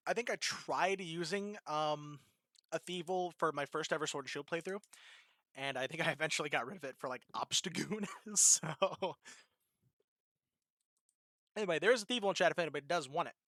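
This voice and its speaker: A man's voice: a little high, pushed and bright, no room sound, studio quality. A man talking casually to his live stream chat while eating, laid-back and swearing now and then. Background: game music.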